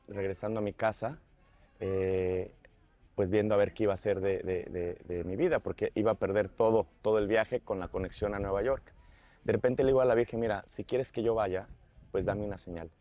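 Low-voiced Mexican man, dry recording. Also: steady tone, moderate pace, dark tone, no room sound. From Michoacán, Mexico. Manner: rambling, with stammered restarts. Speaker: pilgrim giving testimony. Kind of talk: casual spoken testimony.

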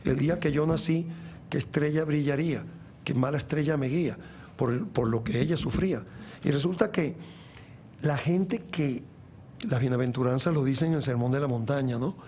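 A Venezuelan man in his sixties, a guest in an interview, speaks earnestly about faith in a reflective way, rambling with many restarts. His voice is fairly high and warm at a moderate pace, with slight background noise.

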